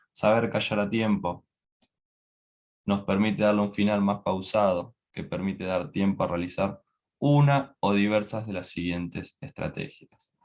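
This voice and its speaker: Brief: young Argentine man, lower voice, student presenting a lecture, explanatory with lots of tag questions. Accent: Argentine Spanish. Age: young adult. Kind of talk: classroom lecture.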